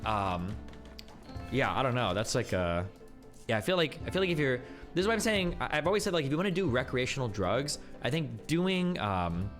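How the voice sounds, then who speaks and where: Hesitant, slangy man rambling over faint music. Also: mid-range voice. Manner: hesitant, self-correcting, slangy. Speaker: streamer reacting to a video. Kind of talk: casual rambling commentary.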